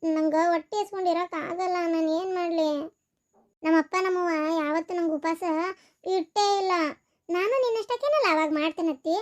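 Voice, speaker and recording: Woman doing a young cartoon daughter-in-law, north karnataka accent, high voice, begging and sweet-talking. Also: a little fast. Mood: pleading. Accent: North Karnataka Kannada. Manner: coaxing, pleading. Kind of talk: cartoon voice acting.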